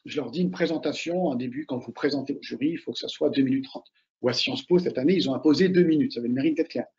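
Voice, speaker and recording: A man, an author and oral exam coach, giving casual, animated advice and repeating his key points straight to the listener. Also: mid-range voice, fast, dull audio. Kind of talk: casual advice talk to students.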